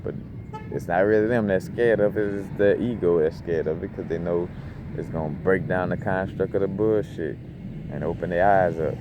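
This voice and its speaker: Deep-voiced man, loose slangy spiritual talk. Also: normal speed, lo-fi sound. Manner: loose, rambling, slangy, lots of "you know what I'm saying". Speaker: crystal channel host. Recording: noisy background hum.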